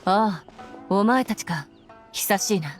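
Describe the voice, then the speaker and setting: This is Japanese video game voice acting: a woman with a mid-range, lively voice at a moderate pace, close to how she normally talks, plays a stern, dutiful military commander. Her delivery is formal, clipped and earnest, with faint music in the background.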